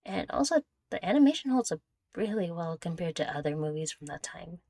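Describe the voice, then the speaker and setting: Answering viewer questions in a relaxed Q&A chat, a young adult creator speaks close to the microphone, rambling, giggling and self-deprecating. Her low, dark voice swings widely in pitch at a brisk pace, with no room sound.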